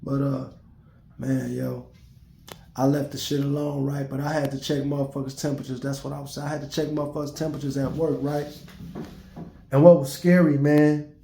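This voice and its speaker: A man in his forties telling a story straight to his viewers, profane and animated. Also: mid-range voice, fairly quick, gravelly, roomy sound, a little hiss or hum. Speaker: vlogger. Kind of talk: casual storytelling rant to viewers.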